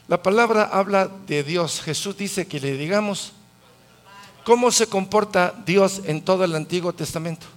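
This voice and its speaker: A man's voice: high-pitched, normal speed. A man teaching the Bible in a conversational way, putting questions to the audience. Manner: asks the audience questions, lively.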